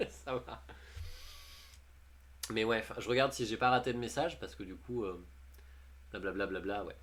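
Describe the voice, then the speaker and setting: A man's voice: lowish voice, fairly quick, a bit bright. A man chatting casually on a livestream, reading posts aloud and commenting on them with jokes and frequent laughs. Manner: chatty, jokey, often laughing. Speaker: streamer.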